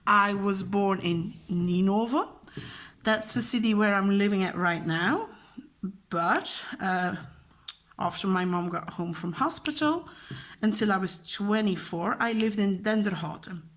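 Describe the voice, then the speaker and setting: A young Flemish woman from Belgium, whose first language is Dutch, chats casually on her vlog while answering a question tag. A vlogger and teacher, she has a mid-pitched, slightly bright voice and speaks a little slowly, rambling, laughing a lot, and using plenty of fillers.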